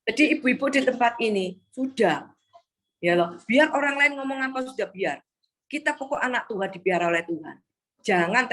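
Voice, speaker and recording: Woman, preacher, high voice, exhorting sermon, video call. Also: fairly bright tone. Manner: exhorting, calls the listeners "Saudara".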